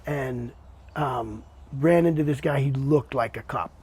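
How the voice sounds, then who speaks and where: Husky-voiced casual podcast host. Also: male voice, medium pitch, measured pace. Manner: relaxed, repeats words, says "man" often. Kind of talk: casual interview chat.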